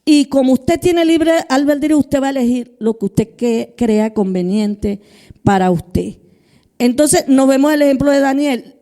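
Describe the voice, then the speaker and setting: A woman's voice: a little high, mellow. A middle-aged woman pastor preaching a sermon, talking straight to the congregation and acting out quoted prayers and inner voices. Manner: conversational preaching, addresses congregation directly.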